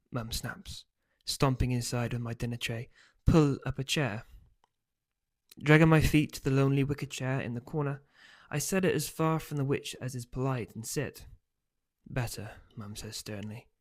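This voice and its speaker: A man reads his own novel aloud as its author. His voice sits at a middle pitch and he keeps a steady storytelling pace. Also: normal speed. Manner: steady storytelling, loose and hesitant when speaking offhand.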